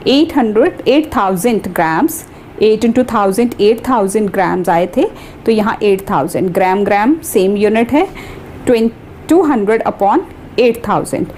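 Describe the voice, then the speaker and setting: A woman math teacher, explaining each step slowly and carefully in a classroom-style lesson. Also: fairly high pitch, warm tone, slight background noise. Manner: slow, deliberate explaining, mixing English terms into Hindi.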